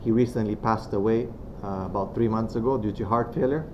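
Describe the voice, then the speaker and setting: A Romanian man, a guest speaker, talks to a room of students about faith. His fairly low voice is soft and unhurried, full of pauses and fillers. The venue microphone gives a muffled, dull lo-fi sound with steady, clear background noise.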